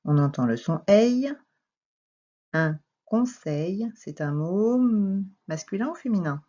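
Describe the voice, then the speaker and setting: A woman teaching French children to read, dictating words slowly syllable by syllable with lively emphasis. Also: medium pitch. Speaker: primary school teacher. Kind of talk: reading lesson for young children. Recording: dull lo-fi recording.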